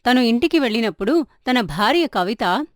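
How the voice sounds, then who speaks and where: A woman telling a children's moral story as a steady, scripted narration. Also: a little high, moderate pace, dry recording, studio quality.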